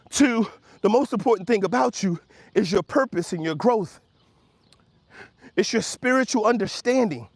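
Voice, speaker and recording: With no echo in the audio, a high-voiced man speaks as host of a motivational talk show. He's American, in his fifties, from Washington, D.C., and his monologue is emphatic and preacherly, built on rhetorical questions and repeated phrases.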